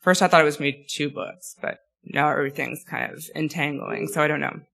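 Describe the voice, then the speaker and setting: Hoarse woman guest speaker, bright voice, halting talk full of fillers. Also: low-pitched, steady tone. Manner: many ums, self-deprecating and chatty. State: losing her voice, clearing throat. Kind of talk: academic talk.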